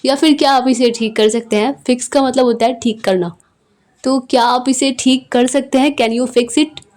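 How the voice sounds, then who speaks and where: A woman teaching everyday English phrases, saying each phrase slowly and clearly and then explaining it in Hindi. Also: high voice, darkish tone. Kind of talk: spoken English lesson in Hindi.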